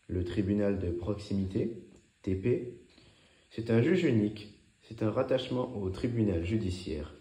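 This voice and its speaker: A low, slightly dark male voice narrates a lesson from written notes. He delivers each item in short, clipped, didactic phrases. The recording is roomy and echoey. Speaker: narrator of a law revision lesson. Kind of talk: scripted study notes read aloud.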